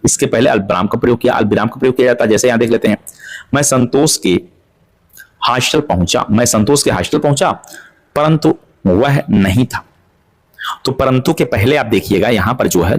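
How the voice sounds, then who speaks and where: A man teaching an exam-prep grammar lesson, asking questions and answering them himself to drill each point. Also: medium pitch. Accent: Hindi-speaking North Indian.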